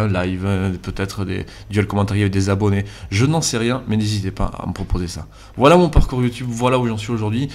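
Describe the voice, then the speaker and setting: Speaking over his gameplay footage, this YouTube gaming host is a man in his twenties from Landes, with a southwestern French accent. His voice sits lowish and somewhat dark in tone, and his earnest, halting delivery is peppered with "euh." The sound comes from a cheap, basic mic.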